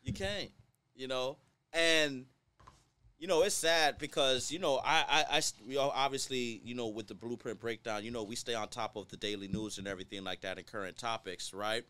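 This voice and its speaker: A man's voice: medium pitch, normal speed, bright, forceful tone, clear, resonant tone. A man hosting a casual podcast interview, talking in a colloquial, wordy way and often checking in with little tag words. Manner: colloquial, wordy, peppered with tags like 'right' and 'you know'. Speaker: podcast host.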